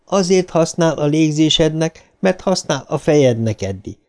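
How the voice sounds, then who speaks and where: A man reading a smug, quietly threatening middle-aged pharmacist in an audiobook, calm and self-satisfied. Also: a little high, lightly acted.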